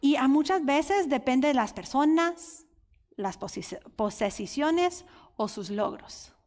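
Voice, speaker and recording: A woman's voice: sits high, lively intonation, slow pace, a little mellow. A woman teaching the Bible at a women's conference, earnest and openly emotional, speaking straight to her listeners. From United States. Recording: reverberant hall.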